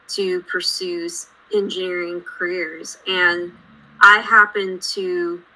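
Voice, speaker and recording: A woman in her late twenties, born in India and raised in Houston, speaking as an engineer guest in a podcast interview with a measured, explanatory way of telling her story. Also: lowish voice, pushed and bright, poor audio. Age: late 20s.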